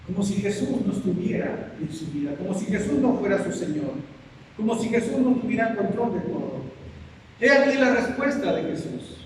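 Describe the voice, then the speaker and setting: A man's voice: high voice, sing-song, normal speed. A male pastor preaching a sermon with emphasis, acting out quoted prayers in a rising voice. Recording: echoey hall, distant mic, noisy.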